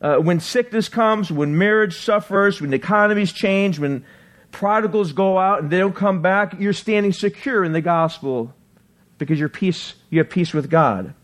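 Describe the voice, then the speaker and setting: Excited fast-talking male pastor. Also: high voice. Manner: animated, fast and excited, with rhetorical questions. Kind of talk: sermon.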